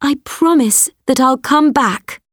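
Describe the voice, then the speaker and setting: A kind young heroine from a storybook, as a woman reader puts her on. She pleads softly in a lifted, high voice, slow and careful. The sound is close and dry. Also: no echo. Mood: pleading.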